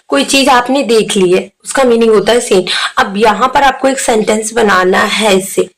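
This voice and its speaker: A woman teacher, going through an exam revision lesson and explaining each word slowly. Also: on the high side, rough recording.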